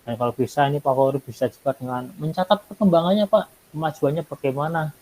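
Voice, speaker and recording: A man's voice: fairly high pitch, fast talker, darkish tone, slight background noise, rough recording. A man coaching a fellow teacher in a role-played chat, polite and affirming.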